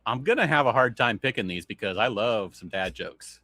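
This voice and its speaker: A man's voice: medium pitch, animated, moderate pace, bright, forceful tone, no room sound. Man, podcast co-host, casual chat, reads jokes aloud, dry close sound. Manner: reads dad jokes aloud, laughs often.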